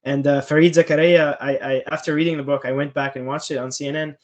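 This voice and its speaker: A man with a slightly high voice talks through a casual political podcast conversation. His delivery is dry and sarcastic, and he breaks into small chuckles as he speaks. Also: little pitch movement, fast talker. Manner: sarcastic, chuckling mid-sentence.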